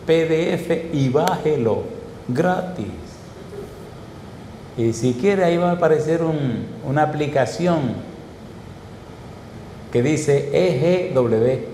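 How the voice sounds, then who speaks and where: A man preaching a sermon, firing rhetorical questions at the congregation and stretching key phrases slowly. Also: warm tone, a little hiss or hum. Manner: emphatic, call-and-response questions to the congregation; sweeping pitch swings and slow stressed phrases. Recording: echoey hall with reverb.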